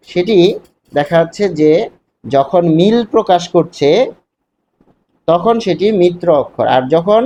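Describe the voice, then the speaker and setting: Here the lecturer's pitch is fairly high but his tone is dark, teaching literature in Bangladeshi Bengali in a classroom setting. He moves step by step and throws in rhetorical questions, captured on a dull lo-fi recording with faint hiss.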